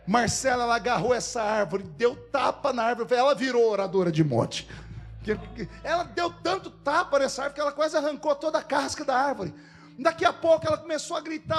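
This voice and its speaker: High-voiced Brazilian preacher telling a story. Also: male voice. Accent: Brazilian Portuguese. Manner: humorous, lively storytelling with quoted dialogue. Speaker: pastor. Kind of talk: storytelling sermon.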